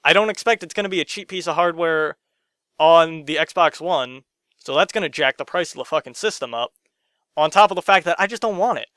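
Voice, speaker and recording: A young man ranting to camera in his room, sarcastic and profane, jumping from loud outbursts to muttered asides. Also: fairly high pitch, brisk, smooth, dry recording, studio quality. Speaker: gaming vlogger.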